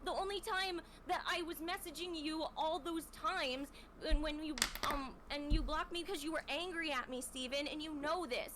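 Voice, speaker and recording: Upset high-voiced woman, noisy clip. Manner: upset, accusing, halting. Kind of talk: heated argument.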